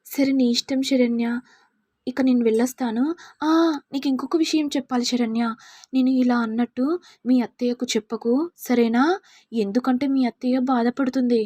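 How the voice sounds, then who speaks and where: A woman's voice: a little high, steady tone, moderate pace, long pauses, warm tone, dry recording, lightly acted. A woman voicing a jealous, scheming young sister-in-law with mocking, sly asides.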